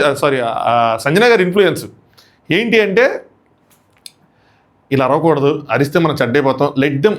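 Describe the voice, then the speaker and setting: Fast-talking man reviewing a show. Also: fairly high pitch. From India. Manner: chatty, animated, acts out contestants' lines. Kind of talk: casual episode review commentary.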